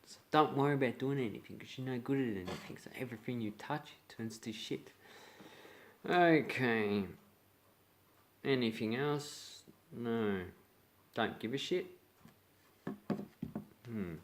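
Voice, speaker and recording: A man's voice: mid-range voice, unhurried, pauses often. A young man with an Australian accent, explaining slang in a blunt, playful way and acting out example lines. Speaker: slang teacher. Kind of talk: casual video lesson.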